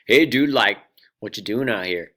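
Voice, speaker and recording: A man's voice: fairly low pitch, moderate pace, sharp tone. A man voicing a laid-back young male surfer who talks in easygoing, drawling slang.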